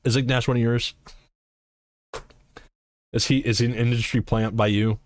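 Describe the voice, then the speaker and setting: A man's voice: medium pitch, flat delivery, normal speed, dry recording. A man streaming live, chatting casually and answering his chat in a rambling, swearing way.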